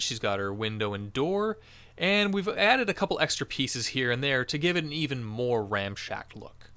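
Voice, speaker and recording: A man narrates a crafting tutorial in an encouraging, jokey manner. His voice is bright and swings freely up and down in pitch.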